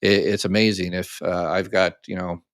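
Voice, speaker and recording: A man's voice: sits low, level tone, normal speed, no room sound, studio quality. An older American man hosting a live question-and-answer stream, explaining things casually step by step with frequent ums and restarts. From United States. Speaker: host answering viewer questions. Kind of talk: live Q&A chat.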